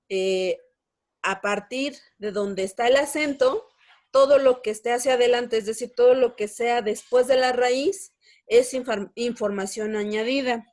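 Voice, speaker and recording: A woman's voice: on the high side, darkish tone. A young woman teaching a language lesson, explaining step by step and checking in with her students. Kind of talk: online lesson.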